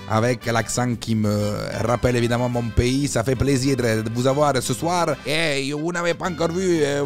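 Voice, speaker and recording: A man's voice: mid-range voice, lightly acted. A man voicing a boastful, crude male streamer with an exaggerated mock Spanish accent in French, talking in a singsong way.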